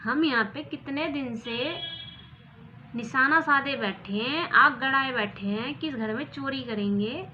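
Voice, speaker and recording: A woman telling a bedtime folk tale in a chatty way, acting out the characters with loud outbursts. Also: sits high, unhurried, dull audio, a little hiss or hum. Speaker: storyteller. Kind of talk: casual folk tale narration.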